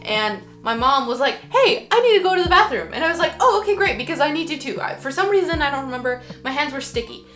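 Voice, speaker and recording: A woman's voice: sits high, big pitch swings, fast talker, hardly any pauses, fairly bright tone. A young woman vlogging a casual storytime to camera, rambling with lots of "like" and "um" and casual swearing. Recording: roomy echo with faint background music.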